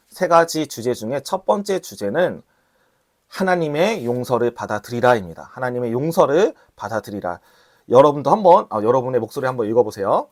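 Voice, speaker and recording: A woman pastor preaching a sermon with a slight cold, clearing her throat now and then and acting out the voices she quotes. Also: low-pitched, a little mellow.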